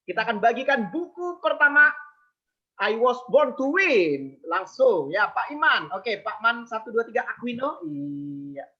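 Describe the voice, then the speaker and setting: A man's voice: extremely high pitch, very animated, unhurried, sharp tone, slightly rough. A man hosting an online seminar, upbeat and praising his guest as he moderates questions. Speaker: webinar host and moderator. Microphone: video call. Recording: muffled video call audio.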